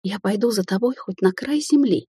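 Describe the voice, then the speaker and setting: A woman's voice: mid-range voice, moderate pace, warm tone, slightly rough, no echo, studio quality, voice pushed up. A woman reading voices a dazed, lovestruck young woman who gushes breathlessly and gets flustered easily in an audiobook. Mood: dreamy.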